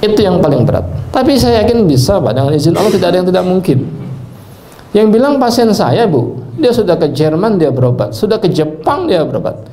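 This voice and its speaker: A male preacher and healing trainer telling animated stories to a live training audience, addressing listeners directly and often breaking into devout exclamations. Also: high-pitched, fairly quick. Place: indoor training session with an audience.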